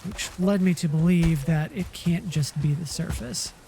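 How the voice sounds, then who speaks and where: A man's voice: on the high side, measured pace, vocal fry, warm tone. Chatty man over noisy game audio. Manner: chatty, self-correcting. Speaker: streamer. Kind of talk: casual gaming chat.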